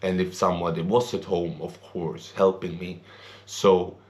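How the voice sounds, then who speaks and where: A man's voice: deep voice, flat delivery, measured pace, highs cut off. A young man, an English speaker born and raised in Sweden, giving an earnest, rambling opinion monologue for his vlog. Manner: earnest, rambling, non-native grammar. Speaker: vlogger.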